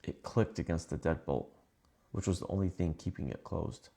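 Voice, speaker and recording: A man reading scripted first-person horror stories in a calm, measured way. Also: sits low, gravelly. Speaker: narrator.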